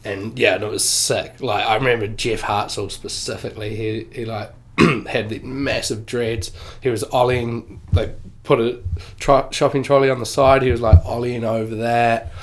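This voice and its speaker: A man in his forties with a New Zealand accent, a guest in a casual interview, talking in a relaxed, slangy way with lots of fillers. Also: mid-range voice, normal speed, few pauses, slight background noise. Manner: laid-back slangy, many fillers and swearing. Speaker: guest snowboarder.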